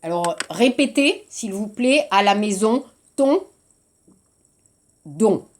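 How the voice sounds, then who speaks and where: A woman teaching French in a recorded lesson, explaining slowly and repeating key points for her students. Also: medium pitch, expressive. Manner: slow, deliberate explaining with frequent repetition.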